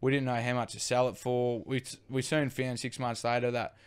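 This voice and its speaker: A man's voice: medium pitch, flat delivery, normal speed, clean tone. Laid-back Australian guy telling a yarn. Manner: laid-back, rambling, swears casually. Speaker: brewery co-founder guest. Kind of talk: casual storytelling chat.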